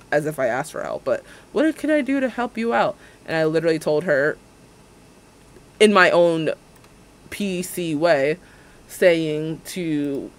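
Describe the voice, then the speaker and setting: A man in his twenties chats casually on a livestream while building in a game, his voice sitting in a slightly higher register. He rants at length in an animated, sarcastic way, slipping into mocking impressions of what other people said.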